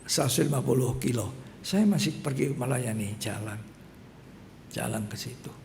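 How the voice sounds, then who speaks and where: Gravelly preacher man in a church hall. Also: normal speed. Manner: storytelling preacher, swings between loud exhortation and hushed near-whisper. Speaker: pastor. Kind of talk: sermon. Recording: long church reverb, faint rumble.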